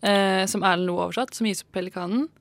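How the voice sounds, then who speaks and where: A woman hosting a radio chat, talking quickly and chattily with many hesitations. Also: mid-range voice, fairly even intonation, no echo. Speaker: radio host.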